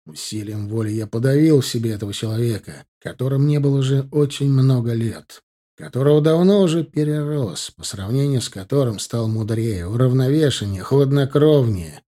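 Male audiobook narrator, dark mellow tone, cold and grim, steady scripted first-person reading. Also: mid-range voice, normal speed.

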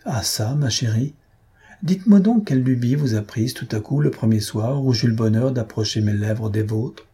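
A smooth-talking Frenchman in love from a storybook, tender and coaxing. His voice is dark, mellow and deeply husky. A man reads the part. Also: moderate pace. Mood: teasing.

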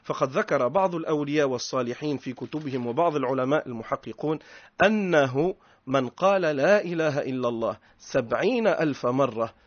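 A man with a Tunisian accent, a sheikh giving a religious lesson, drawing out key phrases slowly and switching between classical and dialect speech. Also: mid-range voice, lively intonation, no room sound, dull audio. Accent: Tunisian Arabic. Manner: slow, emphatic recitation of phrases, mixing classical and dialect.

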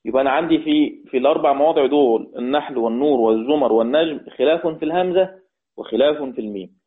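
A man with an Egyptian accent teaching Quran recitation rules, repeating key words slowly and quizzing his students. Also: medium pitch. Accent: Egyptian Arabic. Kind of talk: explaining recitation rules in a lesson. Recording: tinny phone-like sound.

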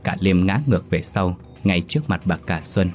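A man with a low voice narrates a ghost story in steady, solemn scripted storytelling. Faint background music runs beneath him throughout. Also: moderate pace.

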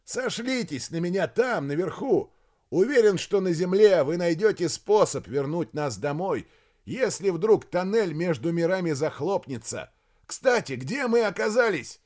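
A man voicing a commanding army major who shouts urgent, clipped orders. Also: sits high, sing-song, measured pace, voice pushed up. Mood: urgent shouting.

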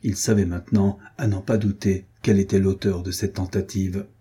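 A man narrating a classic adventure novel in a measured, even reading voice. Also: low voice, breathy edge. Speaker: audiobook narrator.

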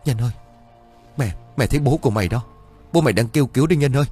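A man voicing a distraught elderly village widow who cries out in a high, shrill, wailing way. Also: lively intonation, fast talker, a little mellow, faint music behind, close to an everyday voice.

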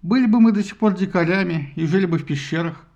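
A man narrating a satirical retelling of Greek myths in a lively, ironic storytelling manner. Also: high voice, quick pace, muffled recording. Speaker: audiobook narrator.

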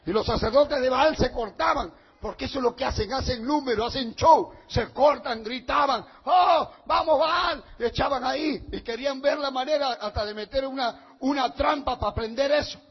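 High, gravelly shouting preacher man. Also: moderate pace, hardly any pauses, lo-fi sound. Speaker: pastor. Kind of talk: fiery Pentecostal sermon.

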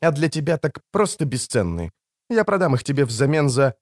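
A man voicing a proud, scorned sorceress in an audiobook reading, with biting sarcasm that softens into pleading. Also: mid-range voice, very animated, moderate pace, no echo, clean studio sound, natural voice. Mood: businesslike.

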